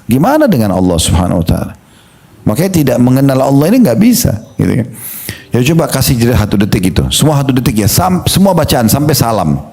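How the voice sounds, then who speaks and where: A middle-aged man preaching a religious study talk in a conversational way, slowly demonstrating prayer recitations with pauses. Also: medium pitch, sing-song, creaky, warm tone, slightly rough.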